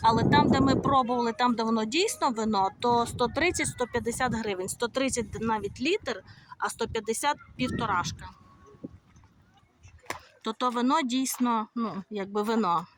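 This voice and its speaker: Ukrainian woman walking around outdoors talking into her phone, chatty, kinda high voice, a bit of background noise. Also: normal speed. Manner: chatty, conversational, with fillers. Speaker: vlogger. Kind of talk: casual walking tour vlog. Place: outdoors on resort streets.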